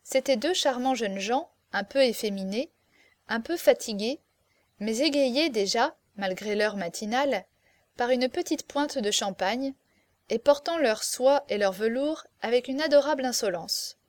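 A woman narrates a classic novel as an audiobook. She reads in a steady, expressive way, with a fairly high voice. The sound is dry and close. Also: a little slow, dry recording.

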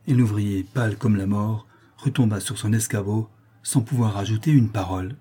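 A man reading a novel aloud in measured, subdued scripted narration. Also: lowish voice, mellow, husky. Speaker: audiobook narrator.

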